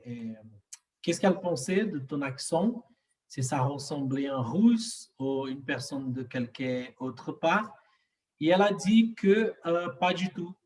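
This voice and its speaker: A man with a Latin accent who learned the language as an adult, talking in a halting, casual way with many fillers. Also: fairly high pitch, darkish tone. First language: Spanish or another Latin language. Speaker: student and conversation partner. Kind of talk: casual conversation. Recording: voice a bit far from the mic.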